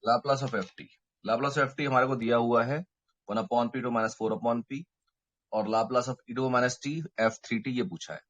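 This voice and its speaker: A man's voice: mid-range voice, steady tone, slow, a bit bright, muffled recording. A man teaching a math lecture online, working through each step and checking in with his students, mixing English terms into his talk. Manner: mixes Hindi and English terms. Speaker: mathematics teacher. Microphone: microphone.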